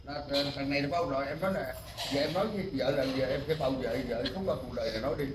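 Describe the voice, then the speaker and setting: A man urges the couple on insistently, talking fast. He is picked up from a distance in an echoey spot with loud noise all around. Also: mid-range voice. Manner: urging, insistent. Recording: far from the mic, echoey and noisy.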